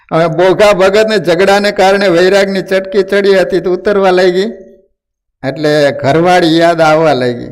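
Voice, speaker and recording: Male devotional storyteller, fairly high voice, lively narration of moral tales. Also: smooth. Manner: lively narration with acted quotes. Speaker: religious storyteller.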